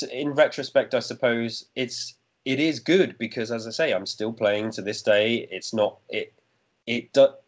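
A man co-hosting a podcast, chatting casually about a video game with frequent fillers and restarts. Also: on the low side. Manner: hesitant, many fillers and restarts. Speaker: podcast co-host. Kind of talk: casual chat.

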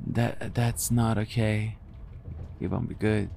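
A man voicing a nervous, anxious young man who speaks softly and stammers. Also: lowish voice, steady tone, slow pace, vocal fry, slight background noise. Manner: hesitant, stammering, soft.

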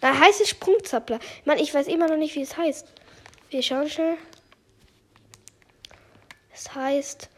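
Young woman, gameplay commentary, high-pitched, excitable, whispering at tense moments. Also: a little slow, long pauses. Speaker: gamer.

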